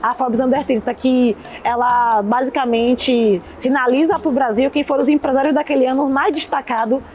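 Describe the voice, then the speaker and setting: A young adult woman from Salvador with a Bahian accent, a startup founder talking in a lively, slangy way. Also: high-pitched, normal speed, slight background noise. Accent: Bahian Brazilian Portuguese. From Salvador, Bahia, Brazil.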